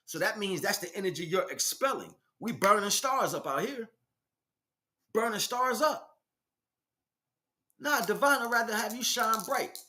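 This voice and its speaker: Unhurried and marked by long pauses, this man's high-pitched voice carries a sharp tone. He is a spiritual teacher giving a passionate, informal lecture in emphatic, blunt street language, with frequent rhetorical questions.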